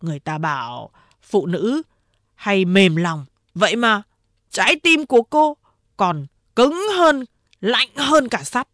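A woman's voice: mid-range voice, expressive, measured pace, dry recording, clean studio sound. A woman voicing a loyal male underling who anxiously coaxes his boss and rebukes a young woman indignantly. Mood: fretful.

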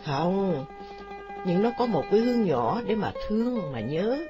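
A woman voicing a calm, jovial older father explaining himself in a story. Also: medium pitch, measured pace, lo-fi sound, over music.

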